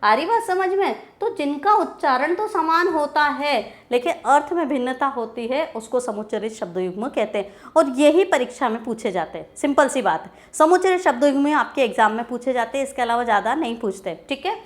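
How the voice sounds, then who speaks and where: High-voiced woman teaching grammar. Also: expressive, brisk, few pauses. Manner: repeats key terms and asks questions to herself. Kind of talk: classroom grammar lecture.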